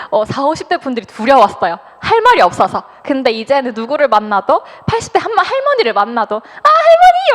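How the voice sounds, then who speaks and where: Woman, 20s, high lively testimony voice, speaking in a reverberant hall. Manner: animated, acts out quoted thoughts, laughs often. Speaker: business speaker. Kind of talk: personal testimony talk.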